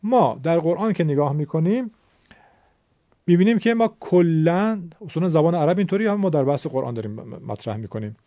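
In a classroom-style lesson, a man explains Quran recitation step by step, staying patient and courteous. His voice is a little high with a dark tone, and the recording is dull, lo-fi and dry.

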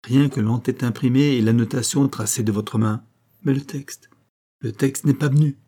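A man reading as a calm methodical detective. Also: mid-range voice, close to an everyday voice. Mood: explaining. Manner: measured and explanatory. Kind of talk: audiobook character reading.

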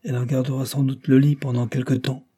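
A man reading the part of a smooth, insolent aristocratic captain in a storybook reading, in a suave, mocking manner. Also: mid-range voice, flat delivery, quick pace, warm tone, pitched above the performer's own voice, lightly acted.

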